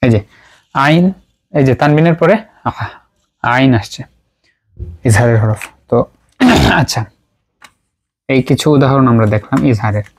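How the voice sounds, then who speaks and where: A man teaching Quran recitation rules. He writes examples on a board as he explains, speaks haltingly with frequent pauses and fillers, and drills each term through slow repetition. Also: medium pitch, lively intonation. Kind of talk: explanatory lesson at a writing board.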